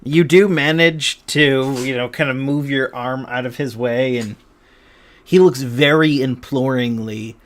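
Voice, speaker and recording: A man's voice: mid-range voice, measured pace, few pauses. A man running a tabletop game as dungeon master, narrating scenes and giving patient rulings. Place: home, online game stream.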